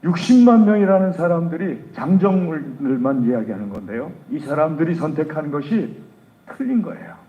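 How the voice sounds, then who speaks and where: Male pastor, fairly high voice, dramatic storytelling sermon, echoey dull church sound. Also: animated, normal speed, far from the mic. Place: church sanctuary.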